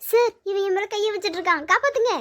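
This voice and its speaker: A feisty young housemaid in a cartoon, voiced by a woman, pitched very high and squeaky. She scolds and pleads with quick-tempered boldness. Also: a bit bright. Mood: panicky. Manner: scolding, pleading, then panicky. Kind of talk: cartoon voice acting.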